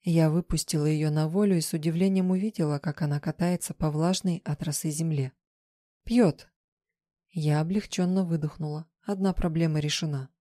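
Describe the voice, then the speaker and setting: A woman's voice: deep voice, steady tone, a little fast, hardly any pauses, mellow, dry recording, clean studio sound. A woman narrating a first-person fiction audiobook with tense, vivid storytelling.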